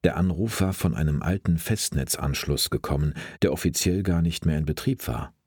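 A man narrates a crime story in a deep, husky voice, steady and measured. The recording is dry and close, with no room sound. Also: no echo. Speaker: audiobook narrator.

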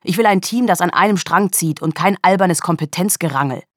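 A male police chief who keeps his team in line speaks firmly and sharply, voiced by a woman reading the story. The low, dry voice gives clipped orders, in a storybook reading. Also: a little fast, no echo, close to an everyday voice. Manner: firm, sharp.

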